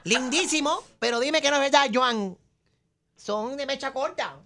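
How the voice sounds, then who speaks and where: A woman's voice: high voice, normal speed, a bit bright. A woman co-hosting a morning radio show, cheeky and provocative, cracking jokes about the others. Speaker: radio co-host.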